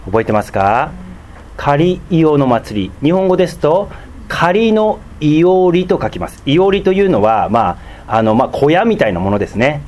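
A man preaching a sermon as a pastor, teaching slowly and deliberately with many fillers and sudden emphatic rises. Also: on the high side, expressive, a little mellow.

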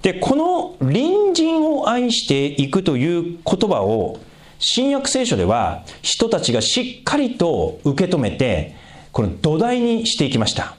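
A man giving a conversational sermon as a pastor, asking the congregation questions and swinging his pitch for emphasis. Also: huge pitch swings, a little slow.

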